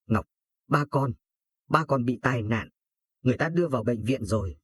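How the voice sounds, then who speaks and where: A distraught woman of thirty-five in a storybook tale who speaks in hurried, urgent bursts, voiced by a male narrator. The tone is husky and dry. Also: medium pitch, expressive, dry recording. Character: anguished widowed mother of thirty-five.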